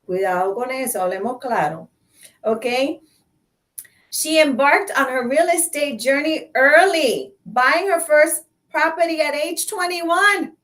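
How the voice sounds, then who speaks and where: Woman, talk show host, slightly high voice, playful, emphatic, bilingual chat, a bit off-mic. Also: slow pace, fairly bright tone, distant mic. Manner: switches between Spanish and English, playful and emphatic.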